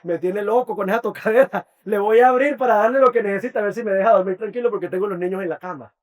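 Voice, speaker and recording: Man voicing fed-up neighbor, high, quick grumble. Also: lightly acted. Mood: exasperated. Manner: exasperated grumbling.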